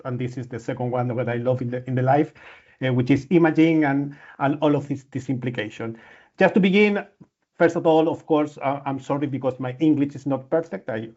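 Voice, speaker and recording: A physician and medical imaging researcher, a man whose first language is Spanish, gives a seminar lecture with slides, earnest and prone to restarts and repeated words. His voice is a little high with a darkish tone, and the lo-fi audio sounds dull.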